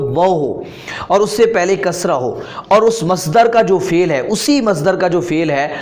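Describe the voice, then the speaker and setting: A man with a Pakistani Urdu accent teaches a grammar lesson at a steady classroom pace. His voice sits a little high for a man. He repeats each term and asks his listeners questions, then answers them himself. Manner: patient, repeats terms and asks rhetorical questions.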